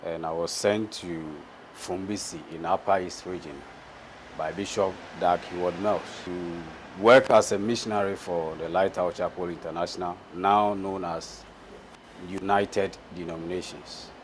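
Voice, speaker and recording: Man, 30s, very low voice, faint traffic hum behind. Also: fairly even intonation, measured pace. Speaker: former missionary pastor. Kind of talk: testimony interview.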